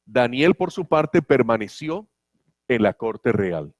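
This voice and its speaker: A male pastor preaching a sermon, telling stories with animated humor. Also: medium pitch, slow, dry recording, clean studio sound.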